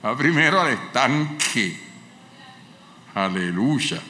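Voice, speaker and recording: A male pastor preaching a sermon with passion, swinging from loud cries to hushed, pleading lines. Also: medium pitch, animated, slow. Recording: echoey hall with faint ambience.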